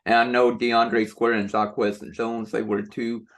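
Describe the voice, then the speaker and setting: A man's voice: medium pitch, level tone, unhurried, fairly bright tone. A man conducting a casual sports interview as the interviewer, asking conversational questions.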